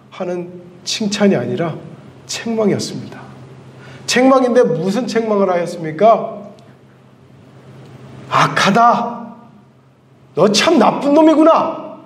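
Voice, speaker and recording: A male pastor preaches in a high, clear register, telling a story and putting questions to the listeners. He stands a little away from the microphone. The sound carries the echo of a large church hall. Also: darkish tone. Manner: storytelling, asks the congregation questions. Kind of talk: sermon. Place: church sanctuary. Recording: echoey hall, voice from a distance.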